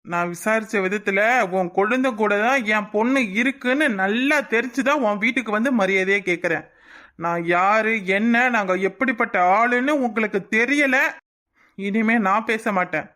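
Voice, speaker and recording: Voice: mid-range voice, normal speed, sharp tone, lightly acted. A voice actor playing a rich, threatening old man in a cartoon, blustering and menacing, with a Kanyakumari Tamil accent. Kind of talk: cartoon voice acting.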